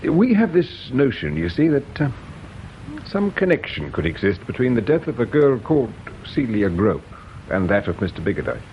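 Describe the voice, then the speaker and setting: An actor playing a patient provincial police inspector who questions people gently and measuredly in a radio drama. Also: male voice, mid-range voice, very animated, a little hiss or hum. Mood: probing. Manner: measured, gently probing, hesitates with "uh". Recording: dull lo-fi radio recording.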